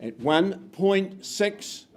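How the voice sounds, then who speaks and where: Guy doing live auction calls, pretty high voice, punchy counting down the bids to the room. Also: expressive, drawn-out words, darkish tone. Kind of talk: live property auction calling.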